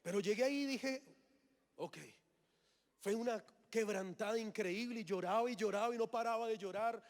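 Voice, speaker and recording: A man's voice: high-pitched, normal speed. A man, giving a sermon testimony and acting out his own past reactions as he tells the story. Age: 30s. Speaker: preacher.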